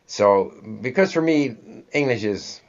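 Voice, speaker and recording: Hosting a relaxed interview, a man with a mid-range, expressive voice keeps a measured pace and thinks aloud as he goes. He has a Canadian accent from being raised in Canada after his birth in Sweden, and the recording quality is dull and lo-fi.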